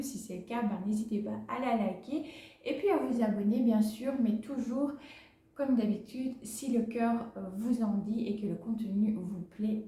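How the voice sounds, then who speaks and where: Brief: woman plant vlogger, mellow voice, chatty and halting, echoey room at home. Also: fairly high pitch. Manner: chatty, hesitant with many fillers, laughs easily. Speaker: plant vlogger, channel host. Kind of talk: casual chat to camera, showing plants. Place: home, indoors.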